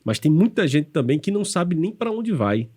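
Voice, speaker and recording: A man's voice: a little high, sing-song, normal speed, a little mellow, breathy edge. A man with a Brazilian Portuguese accent co-hosting a motivational podcast, agreeing readily and building on others' points. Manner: affirming, chimes in with agreement. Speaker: podcast co-host. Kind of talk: casual motivational chat.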